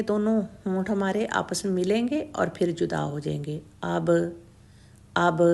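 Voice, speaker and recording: A woman teaching tajweed pronunciation, slowly and patiently demonstrating each letter sound over and over and checking that the learner follows. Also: on the low side, creaky, a little mellow. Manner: mixes English words into Urdu, checks in with "theek hai?". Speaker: Quran recitation teacher.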